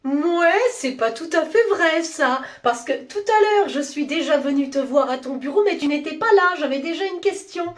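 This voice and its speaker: A woman voicing a fussy, bossy office coworker in a comedy sketch, shrill and accusing. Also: animated, normal speed, hardly any pauses. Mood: nagging.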